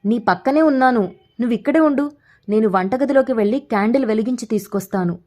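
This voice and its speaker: A woman voicing a teasing young man who scolds his old friend in a loud, raised voice in a read-aloud story. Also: on the high side, quick pace, lightly acted. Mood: impatient.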